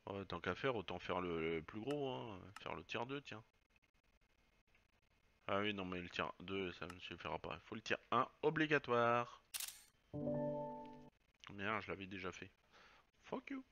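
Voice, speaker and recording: Male let's-player, casual and sweary, bright tone, unhurried delivery. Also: sits low, animated, highs cut off. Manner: chatty, swears, muses aloud while playing. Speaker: let's play gamer. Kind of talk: casual game commentary.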